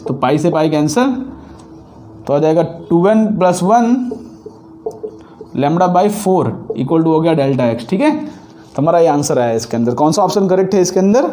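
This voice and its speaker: A man with a sore throat teaches physics, solving exam problems on a board step by step, repeating key points and mixing Hindi and English. His voice is a little high, expressive and mellow, at a moderate pace with frequent pauses, and faint music plays behind him.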